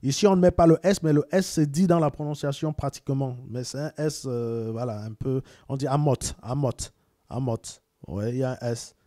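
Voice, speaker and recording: Mellow-voiced Cameroonian man explaining. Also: medium pitch, a little fast, hardly any pauses, no room sound, studio quality. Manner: repeats words, sends greetings to viewers. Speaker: video presenter. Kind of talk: casual explanatory talk.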